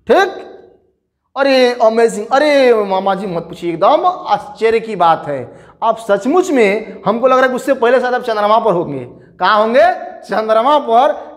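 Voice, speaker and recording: A male teacher walks students through an English story, mixing languages as he goes. His pitch leaps and falls as he acts out the dialogue, and his delivery stays unhurried. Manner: animated, acts out dialogue with rising questions and exclamations. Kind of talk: bilingual literature lesson, explaining a story line by line.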